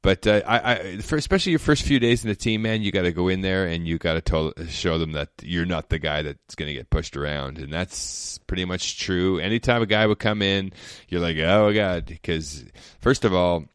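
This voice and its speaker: A former pro football player telling stories in a rambling, laid-back way, with lots of fillers. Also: male voice, sits low, brisk, hardly any pauses, fairly bright tone, smooth, dry recording, studio quality. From Canada. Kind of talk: casual storytelling chat.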